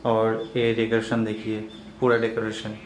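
A man's voice: fairly low pitch, completely flat delivery, normal speed, a little hiss or hum. A young man in his twenties, a shop owner, casually showing viewers around his small cyber cafe and listing its services one by one. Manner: plain, listing items one by one. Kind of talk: casual shop tour vlog. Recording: echoey small room with faint ambience.

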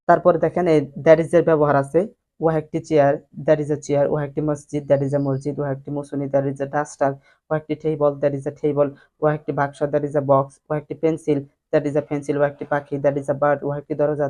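Flat, mellow-voiced man teaching English. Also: a little high, moderate pace. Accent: Bangladeshi Bengali. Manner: repetitive drilling of example phrases. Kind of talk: tutorial walkthrough of a course book.

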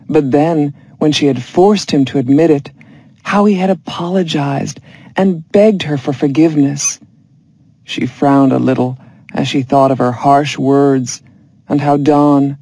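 A story narrator reading with slow, careful pacing. The tone is mellow and dark, and the sound is close and dry, with no room in it. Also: medium pitch, no echo. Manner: measured, even reading. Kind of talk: scripted story narration for listening practice.

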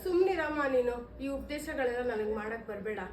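A woman's voice: expressive, fairly quick, roomy sound, far from the mic, slight background noise, lightly acted, low-quality recording. A woman playing a bitter middle-aged mother-in-law who scolds and pities herself, in a family skit. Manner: shrill, scolding, self-pitying.

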